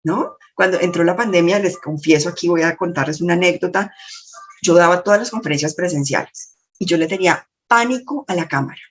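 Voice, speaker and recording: A woman lecturer and coach with a slightly shrill voice, telling stories expressively in a motivational lesson to camera. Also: fairly quick, breathy edge, highs cut off. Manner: expressive, storytelling with lots of self-talk.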